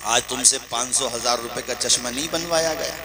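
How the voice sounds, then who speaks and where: A man giving a sermon to a live gathering, rising into loud impassioned calls and prompting the audience to answer back. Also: medium pitch, crowd noise, low-quality recording. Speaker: preacher.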